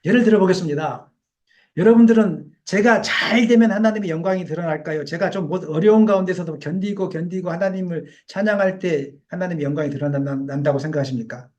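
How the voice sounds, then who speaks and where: A man's voice: high-pitched, a little fast, darkish tone. A male pastor preaching a Sunday sermon in a church, emphatic and full of rhetorical questions to the congregation. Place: church sanctuary.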